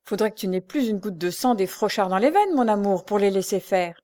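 A woman's voice: mid-range voice, lively intonation, fairly quick, mellow, natural voice. A woman reading aloud and voicing a greedy, grumbling old beggar woman. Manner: grumbling, coarse.

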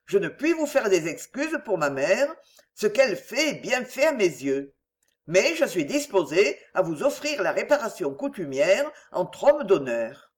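A proud young French viscount, slight and hot-headed, acted out by a woman. He speaks stiffly and formally, his pitch dropping low with indignation. It is an audiobook reading. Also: very animated, measured pace. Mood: indignant.

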